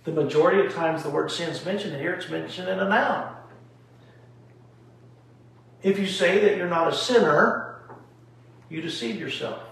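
A man's voice: on the high side, normal speed, vocal fry, pauses often, a bit bright. A male pastor teaching a Bible study at home with emphatic rhetorical questions, recorded in an echoey room from a distance. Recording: echoey room from far off, faint noise.

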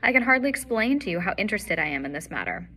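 A woman's voice: mid-range voice, wildly swooping pitch, quick pace, bright, forceful tone, exaggerated voice. A woman voicing a frightened little man in a story reading, with a whining, quavering delivery. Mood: nervous.

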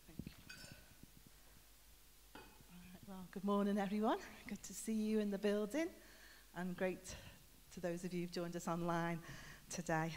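A woman's voice: on the low side, level tone, normal speed, long pauses, a little mellow, a little hiss or hum. Woman preacher, chatty storytelling, long church-hall reverb. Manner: chatty storytelling with questions to the congregation. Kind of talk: conversational sermon. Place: church building.

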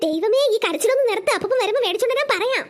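A woman's voice: very high voice, animated, rapid-fire. A woman voicing a fussing, flustered grandmother in a cartoon who keeps calling on God. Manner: exclaiming, fretful. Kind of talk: cartoon voice acting.

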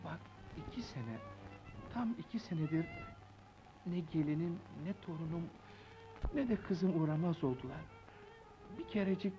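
An actor playing a remorseful older father who laments and blames himself in an old film drama. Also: fairly high pitch. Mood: lamenting. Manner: anguished, lamenting monologue. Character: remorseful older father, grieving and self-blaming. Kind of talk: 1950s film drama acting. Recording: dull old film soundtrack with music.

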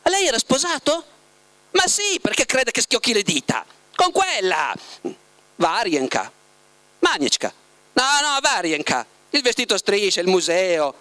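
Male reader as fidgety absent-minded writer, halting and evasive, raised pitch. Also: sharp tone, exaggerated voice. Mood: flustered. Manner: halting, groping for a name.

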